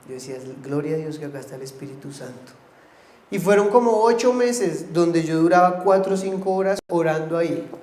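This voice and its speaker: A man's voice: sits high, a little mellow, roomy sound. A man preaching a sermon as pastor, rising to emphatic pleas. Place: church.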